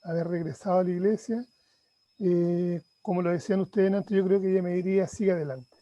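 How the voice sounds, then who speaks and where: A man's voice: high-pitched, level tone, brisk, dark tone, dull audio. A middle-aged man sharing about his grief in a class, hesitant and heartfelt, often restarting. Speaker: student in counseling course.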